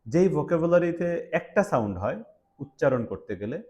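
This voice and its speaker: Young male teacher, classroom lecture, warm dark timbre, explanatory. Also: a little high, very animated, moderate pace. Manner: explanatory, quizzes students, mixes English words into Bengali. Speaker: English teacher.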